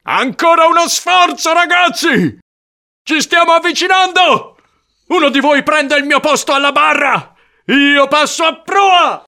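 A woman's voice: on the high side, very animated, slow pace, voice pushed up, exaggerated voice. A woman voicing a fierce, obsessed male sea captain who barks orders at his crew in a storybook reading. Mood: commanding, furious. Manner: shouted orders, raised and strained.

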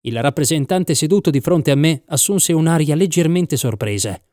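A man reading a first-person story as an audiobook narrator, measured and reflective. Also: on the high side, expressive, a little mellow, no room sound, studio quality.

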